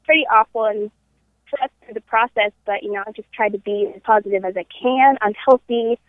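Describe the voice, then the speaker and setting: A woman's voice: a little high, brisk, dry recording. Young woman on a tinny conference call. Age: 20s. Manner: upbeat and candid. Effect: heard over a conference call phone line. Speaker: podcast guest. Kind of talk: casual interview talk. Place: at her parents' house. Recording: tinny phone line, dry.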